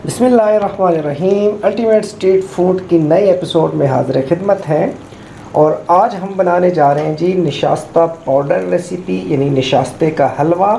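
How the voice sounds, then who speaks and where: Speaking at a moderate pace, a cooking-show host gives a demonstration, steadily explaining every step and going over his tips again. He has a high-pitched, creaky, warm voice, captured in an echoey room with a little background noise.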